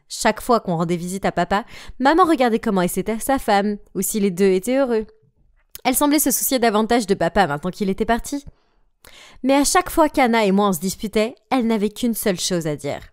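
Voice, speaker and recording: A woman's voice: medium pitch, no echo, clean studio sound. A woman narrating a dramatized story in the first person and voicing all the characters herself. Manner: voices every character herself.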